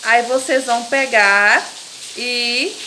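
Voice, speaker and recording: A woman teacher with a Brazilian Portuguese accent explaining a lesson patiently, repeating words slowly to stress their syllables. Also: fairly high pitch, steady tone, pushed and bright, slight background noise. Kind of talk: recorded classroom lesson.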